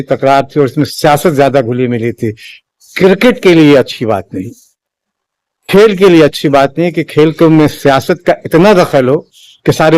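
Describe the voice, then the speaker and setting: A man giving a spoken opinion commentary in a measured, halting way, with frequent restarts and fillers. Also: fairly high pitch, a little mellow, no room sound. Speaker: political commentator.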